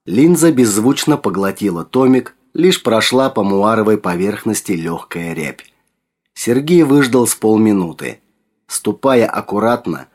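A male narrator reads a story aloud with a low voice. His delivery is steady and measured, like a practiced audiobook reader. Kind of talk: scripted narration.

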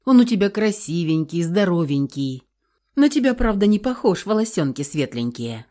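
A gentle old man, put on by a woman narrator who speaks low and hushed. He is soothing and kindly. It is an audiobook scene. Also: sing-song, normal speed. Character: gentle elderly man comforting a young mother.

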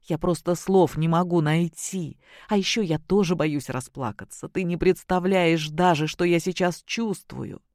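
A reader doing a gentle young husband. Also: mid-range voice, a little slow, few pauses, dry recording, studio quality, close to an everyday voice. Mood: reassuring.

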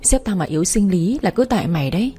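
A woman's voice: mid-range voice, animated, fast talker, warm tone, natural voice. A woman voicing a crude, bossy young woman friend in a storybook reading. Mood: brash scolding.

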